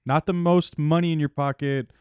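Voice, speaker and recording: A man's voice: a little high, steady tone, moderate pace, a little mellow, smooth, no room sound. A man, a podcast co-host and tow truck driver, asking questions and chatting in a laid-back way. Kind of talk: casual chat.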